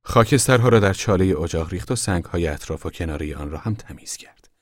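Male audiobook narrator, low voice, lively intonation, measured reading, dry close sound. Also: dry recording. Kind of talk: scripted narration.

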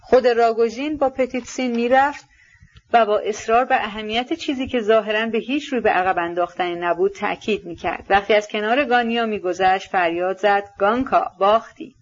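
A woman reading a classic novel aloud in a steady, measured narration. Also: medium pitch, lo-fi sound. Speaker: audiobook narrator. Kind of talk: scripted audiobook narration.

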